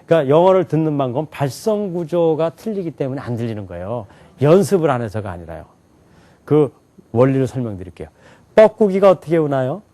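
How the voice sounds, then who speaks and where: Male lecturer, lively rising and falling delivery, quizzes the room. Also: fairly high pitch, fairly quick. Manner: animated, asks the class questions and answers them himself. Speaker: English teacher. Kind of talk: lecture to a live class.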